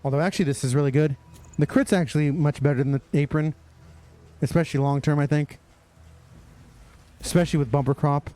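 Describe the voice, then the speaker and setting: A man's voice: on the high side, steady tone, brisk, long pauses, mellow. A young man giving casual, sarcastic commentary while playing a game. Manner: sarcastic, mocking, talks to himself. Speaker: streamer.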